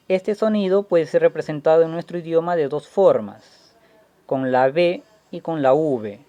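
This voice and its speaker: A man gives a patient classroom explanation, slowing down to sound out each letter aloud. His voice sits a little high but has a warm, mellow tone. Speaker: language teacher.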